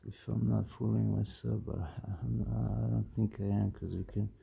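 Man, knife collector vlog, mumbled and halting, low flat voice. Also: vocal fry, husky, phone-quality sound. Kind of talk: casual show-and-tell.

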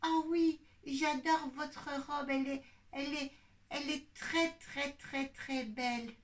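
A woman puppeteer voicing a sweet, polite little boy bear in a children's puppet show, in a soft childlike voice. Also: high-pitched, steady tone, slow pace, far from the mic.

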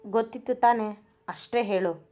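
A woman's voice: medium pitch, fairly even intonation, measured pace, darkish tone, faint music behind, natural voice. A woman voicing a playful young husband who fakes being stern, speaking in a teasing, mock-stern way in a storybook reading.

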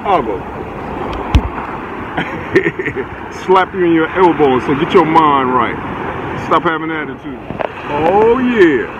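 A man's voice: fairly high pitch, animated, slow pace, long pauses, highs cut off. A man, filming a casual, playful selfie vlog on a phone at arm's length, at the beach and in his car. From Southern California. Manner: playful, laughing, hype talk. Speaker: vlogger. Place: in a car, then outdoors at a beach. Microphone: phone held at arm's length. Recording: phone audio with clear outdoor noise.

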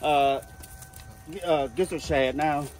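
A man's voice: on the high side, steady tone, slow pace, darkish tone, slight background noise. Matter-of-fact man on a boat. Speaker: fishing guide. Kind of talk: casual talk on a boat. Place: outdoors on a boat on a lake.

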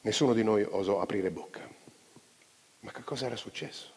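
A man narrating a novella aloud in an expressive, dramatic way, live on stage in a large hall. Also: on the low side, fairly quick, gravelly, breathy edge. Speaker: reader. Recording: long hall reverb.

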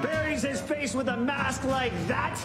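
An arrogant villain wrestler hurls pompous, scornful taunts in a raised, shouting voice. It is period television drama, heard in an echoing hall over a roaring crowd. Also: male voice, extremely high pitch, fairly even intonation, measured pace. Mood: boastful. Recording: distant echoey arena, loud crowd and music.

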